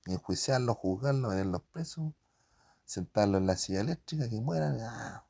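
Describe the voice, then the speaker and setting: A man's voice: fairly low pitch, expressive, moderate pace, gravelly, warm tone, slightly rough. A man with a Chilean accent rambling casually about print shop work, full of slang and spoken sound effects.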